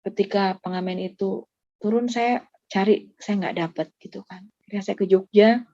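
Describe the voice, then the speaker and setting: Woman giving a mellow, earnest testimony. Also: mid-range voice, fairly even intonation, dry recording. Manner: earnest, emotional storytelling, often pausing. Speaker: church ministry worker. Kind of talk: personal faith testimony. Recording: slightly dull lo-fi, dry sound.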